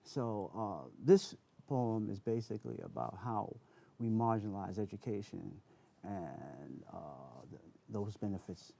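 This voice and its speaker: A man's voice: on the low side, unhurried, vocal fry, dark tone, breathy edge. A man speaking as an interview guest, earnest and emphatic, repeating phrases to drive points home. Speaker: interview guest, spoken word performer. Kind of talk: conversational interview talk.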